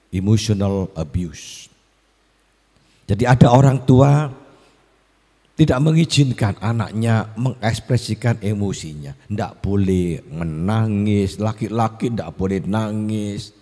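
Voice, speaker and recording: Man, pastor, husky mellow voice, echoey school hall. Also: fairly low pitch, lively intonation, takes it slowly. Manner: storytelling, acts out quoted voices. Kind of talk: seminar talk to teachers.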